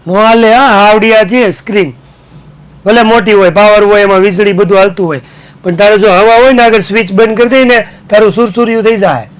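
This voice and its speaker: A man's voice: sits high, steady tone, fairly quick, clean tone. A male teacher from Gujarat giving an online class lecture, explaining with frequent English words and repetition and teasing his students. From Gujarat, India.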